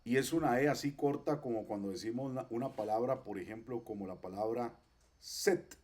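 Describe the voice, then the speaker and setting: A man teaching a class, patiently explaining pronunciation and repeating each example slowly. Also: mid-range voice, darkish tone. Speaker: Hebrew teacher. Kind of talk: online class.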